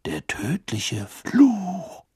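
A man voicing a grim, menacing old male wizard teacher with slow, low, drawn-out speech in an audiobook reading. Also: wildly swooping pitch, mellow, breathy edge, dry recording, studio quality, heavily acted. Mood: grim, hushed.

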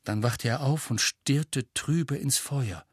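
A man reading an audiobook in a lively way, voicing each character. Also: mid-range voice, takes it slowly, breathy edge, no echo, clean studio sound. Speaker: audiobook narrator. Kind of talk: scripted audiobook narration.

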